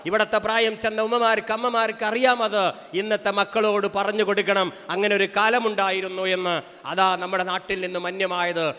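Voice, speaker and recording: A man's voice: high-pitched, monotone, fairly quick, sharp tone, clear, resonant tone. A man gives an impassioned speech at a family gathering, preaching with rhetorical questions and repetition. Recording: long hall reverb.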